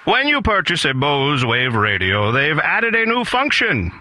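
A man doing a folksy, theatrical old-time radio newscaster from beyond the grave, parodying news with sly deadpan punchlines and dramatic pauses. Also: fairly high pitch, background noise. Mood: sly, spooky.

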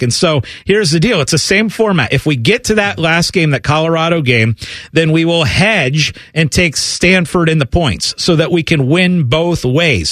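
An excitable man hosts a sports betting chat, his voice sitting a little high for a man. He tells his stories lively, acting out his own reactions along the way. The sound is dry and close, with no room around it. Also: no echo. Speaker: sports betting show host.

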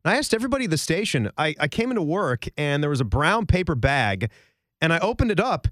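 A man's voice: fairly high pitch, sing-song, fast talker, a bit bright, dry recording. Chatty male sports podcast host, dry studio. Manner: loose, chatty, jokey. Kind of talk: casual sports podcast chat. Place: radio station studio.

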